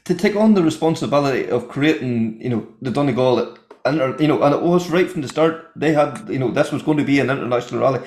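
A man's voice: mid-range voice, lively intonation, fast, darkish tone. A man with an Irish accent hosting a conversational podcast, making his points emphatically through repetition. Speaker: podcast host. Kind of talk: conversational commentary. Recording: echoey, roomy sound.

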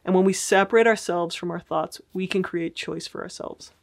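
A woman's voice: on the low side, steady tone, moderate pace, gravelly. Woman therapist explaining in a friendly way. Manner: friendly, explanatory, checks in with listeners. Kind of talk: casual teaching talk.

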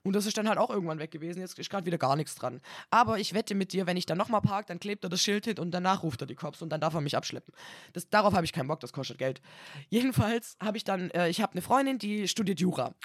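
A woman's voice: on the low side, fast talker, no room sound. Chatty podcast woman telling a story, acts out the voices, dry sound. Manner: animated storyteller acting out quoted voices. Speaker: podcast co-host. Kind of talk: casual chat, storytelling.

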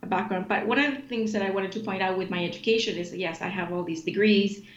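Speaking fast in a mid-range voice, this woman is a guest on an interview, the executive director of an obesity organization. Born in Chile and in her forties, she responds in a reflective, explanatory way full of fillers and restarts. The audio is dull and lo-fi, with faint noise and an echoey room.

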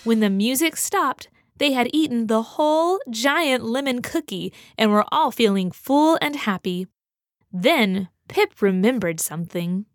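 A woman's voice: on the high side, measured pace, dry recording, studio quality. Woman narrating a children's story. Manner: gentle, expressive storytelling. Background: music for children.

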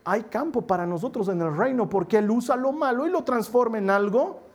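A man preaching a conversational sermon, telling humorous personal stories and slowing down to stress key points. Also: very high voice, animated. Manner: humorous, storytelling, slows for emphasis.

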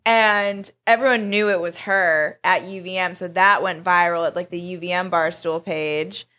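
A woman's voice: on the low side, steady tone, normal speed, pushed and bright. A woman in her thirties co-hosting a podcast, tipsy and giggling as she tells loose, profane stories in a casual chat. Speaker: podcast co-host.

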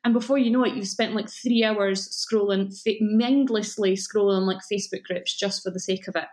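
A woman's voice: mid-range voice, steady tone, moderate pace, darkish tone. A woman with a broad Scottish accent chatting casually as a podcast guest, giving encouraging, emphatic advice. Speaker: guest, cake business coach.

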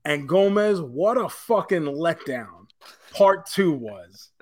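A man's voice: a little high, slow. A man co-hosting a pop culture podcast, telling stories in casual chat with lots of swearing and acted-out quotes. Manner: profane, animated storytelling, acts out quotes. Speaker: podcast co-host.

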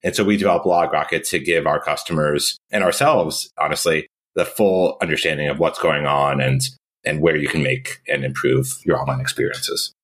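A man's voice: very deep voice, fairly even intonation, normal speed, a bit bright, slightly rough. A young man, a startup founder, answering interview questions in an easygoing, conversational way. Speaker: startup CEO guest. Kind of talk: casual interview.

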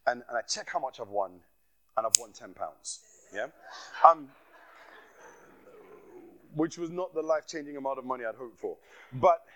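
A Nigerian man preaches as a guest speaker, delivering a sermon woven with personal testimony. His medium-pitched voice is a bit bright, though the audio quality is poor. He speaks passionately, often repeating phrases and laughing at himself.

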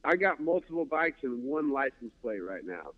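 A man's voice: medium pitch, big pitch swings, moderate pace. A laid-back man chatting casually, who swears easily and keeps saying dude and man. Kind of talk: casual chat. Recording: dull lo-fi audio.

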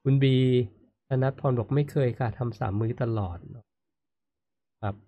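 A man's voice: medium pitch, moderate pace, no echo, narrow, tinny audio. A man hosting a casual live-stream chat, reading viewer comments aloud and murmuring "mm" as he listens. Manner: frequent murmured "mm" backchannels, reads comments aloud. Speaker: host.

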